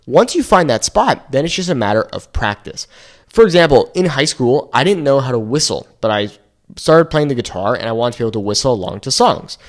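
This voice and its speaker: A man teaching casually to viewers, explaining things step by step in an encouraging way. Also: medium pitch. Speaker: Spanish teacher and video host. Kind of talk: casual instructional talk to viewers.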